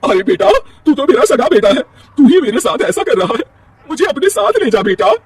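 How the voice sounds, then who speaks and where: A man's voice: sits high, sing-song, a little fast, husky, far from the mic, exaggerated voice. Man doing a scolding stepmother. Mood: pleading. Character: middle-aged stepmother, partial and scolding.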